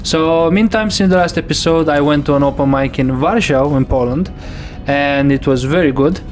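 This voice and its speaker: Laid-back male co-host, slightly high voice. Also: normal speed, faint music behind. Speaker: podcast co-host. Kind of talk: casual chat.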